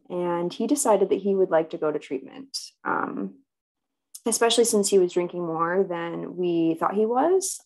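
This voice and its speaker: A woman with pronounced vocal fry and a slightly low pitch talks as a therapy client in a role-play. She is hesitant and self-doubting, feeling her way through her answers in a conversational style. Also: poor audio.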